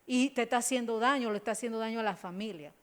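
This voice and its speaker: A woman's voice: a little high, quick pace. A middle-aged woman pastor with a Panamanian accent, preaching a sermon in emphatic bursts and calling her listeners brothers. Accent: Panamanian Spanish.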